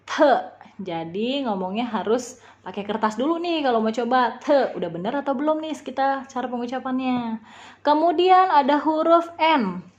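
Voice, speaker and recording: A woman teaching a beginner language lesson, patiently spelling out sounds and repeating them slowly. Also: fairly high pitch, dull audio.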